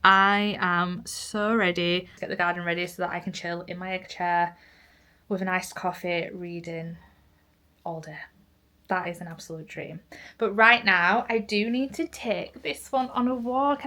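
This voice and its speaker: A woman's voice: mid-range voice, bright, forceful tone. A young woman chatting casually in a vlog, filling her talk with "like". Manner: chatty, says "like" a lot. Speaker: vlogger.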